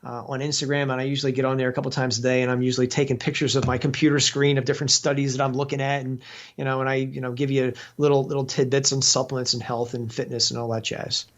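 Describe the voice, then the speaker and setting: This exercise physiologist guest, a fast talker, has a medium-pitched voice with little pitch movement. Over a call in a casual interview, he explains at length, his chat full of fillers and restarts. Audio quality is dull and lo-fi.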